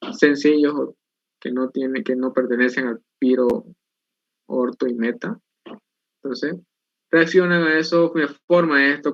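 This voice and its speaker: A man's voice: medium pitch, no echo. A man teaching a chemistry class online, explaining step by step and asking and answering his own questions. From Bolivia. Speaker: chemistry instructor. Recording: dull, dry lo-fi recording.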